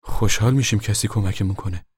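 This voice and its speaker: A narrator puts on a humble, plain-spoken neighbor man who talks modestly. The voice stays deep and slightly husky, recorded dry and close. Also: a little mellow, no echo.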